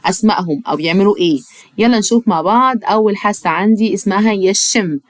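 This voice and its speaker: A woman with an Egyptian Arabic accent teaching English vocabulary to children, repeating each word slowly several times. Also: medium pitch.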